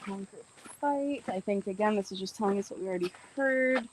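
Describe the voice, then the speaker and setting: A woman's voice: mid-range voice, a little hiss or hum, rough recording. A woman chatting casually and jokily while walking a historic site outdoors, filmed on a handheld phone. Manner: chatty, joking, quick to tease. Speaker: vlogger. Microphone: handheld phone camera.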